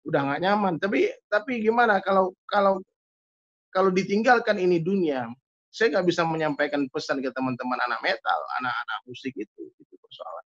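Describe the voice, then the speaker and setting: Animated high-voiced Malay-accented storyteller. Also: male voice, fairly quick, highs cut off. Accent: Riau Malay. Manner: animated, keeps addressing his host. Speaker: guest musician. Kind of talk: storytelling in conversation.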